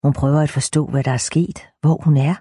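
Dark-toned woman narrating an audiobook. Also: low-pitched, steady tone, slightly rough, no room sound, clean studio sound.

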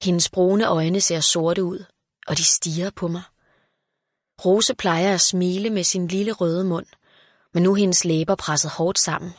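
A woman reads a children's story aloud in a calm, even voice. Her pitch sits low for a woman, and the recording is dry and close, with no room sound. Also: no room sound. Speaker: narrator.

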